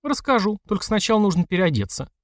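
Brief: male narrator doing a cheeky teen girl, brash and teasing, lively lilt, dry close sound. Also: sits high, fast, no room sound, pitched above the performer's own voice. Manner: brash, mocking. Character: bold cheeky teenage girl, sister.

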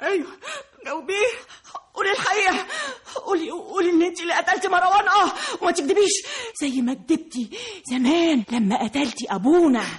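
A woman's voice: very high-pitched, animated, fast talker. An actress playing a bitter, tearful sister who accuses her siblings, with an Egyptian accent, in a radio drama. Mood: bitter, accusing. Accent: Egyptian Arabic.

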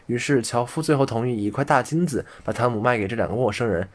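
Male audiobook narrator, mid pitch, measured fairy-tale reading. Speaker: audiobook reader.

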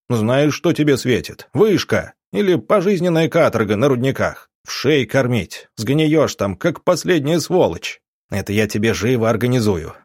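Guy playing a tough police boss, loud harsh threats, husky lively delivery. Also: no echo, clean studio sound. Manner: booming threats, harsh and mocking. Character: gruff male police chief, menacing interrogator.

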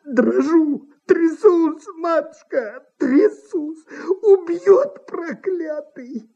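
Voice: mid-range voice, expressive, slow, gravelly, mellow, husky, pitched above the performer's own voice, exaggerated voice. A performer voicing a cowardly old man theatre manager who wheedles, sobs and giggles, in a dull old radio recording. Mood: terrified. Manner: whiny, wheedling, sobbing and giggling. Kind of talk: 1950s staged story reading.

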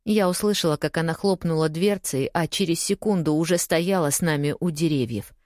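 A woman narrating an audiobook in the first person, reading in a steady, measured way. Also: sits low, dry recording, clean studio sound.

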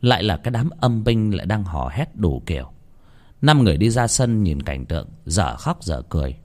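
A man narrating a ghost story in a lively, expressive way. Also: sits low, moderate pace.

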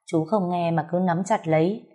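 A woman narrating a romance story in a measured, emotional reading. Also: on the low side, warm tone.

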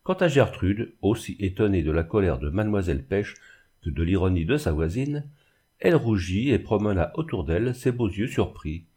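A man narrating a classic novel in an expressive, dramatic reading. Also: low-pitched, normal speed, slightly rough. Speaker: audiobook narrator. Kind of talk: literary reading.

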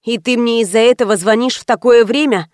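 A woman reading an audiobook, voicing a hoarse, just-woken woman friend who works as a hairdresser. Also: fairly high pitch, a little fast, darkish tone, no echo, studio quality, close to an everyday voice. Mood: grumpy. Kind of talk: audiobook character voice.

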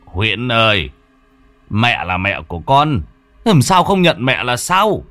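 A man's voice: mid-range voice, big pitch swings, takes it slowly, sharp tone, no echo, soft background music, exaggerated voice. A man voicing an anxious, doting mother who fusses and stammers. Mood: worried. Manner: stammering, fussing.

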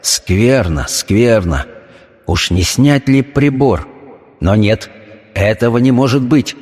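A man's voice: medium pitch, animated, slow pace, a little mellow, breathy edge, in a large hall. A man voicing a distraught middle-aged doctor and father in a spoken story, agitated and near tears. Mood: anguished.

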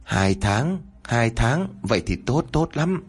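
A man's voice: medium pitch, sing-song, takes it slowly, husky, exaggerated voice. Man doing a cruel old village chief, barking orders. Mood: wheedling. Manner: bossy, barking orders, then oily and coaxing.

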